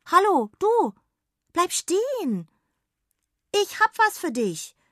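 A woman voicing a curious, eager young girl in a children's audiobook, her voice raised high as she calls out. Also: sing-song, takes it slowly, no room sound, studio quality, full character voice. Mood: eager calling. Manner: high bright calling voice.

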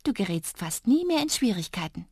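A woman voicing a tiny, kind male ear sprite who speaks gently and giggles. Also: medium pitch, sing-song, a little fast, breathy edge, no room sound, studio quality. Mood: tender.

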